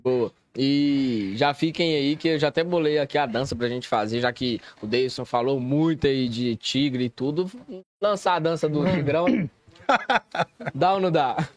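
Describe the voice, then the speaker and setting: A man hosting a casual podcast who laughs often, reads out sponsors and gives friendly shout-outs to listeners. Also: mid-range voice, a little slow. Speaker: podcast host. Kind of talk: casual chat.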